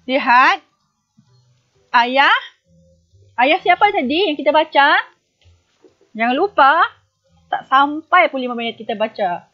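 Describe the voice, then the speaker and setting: A woman teacher with a high, light voice leads a recorded online lesson at an unhurried pace. She patiently puts questions to her young pupils and then answers them herself. The recording sounds dull and lo-fi. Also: animated. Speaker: primary school teacher.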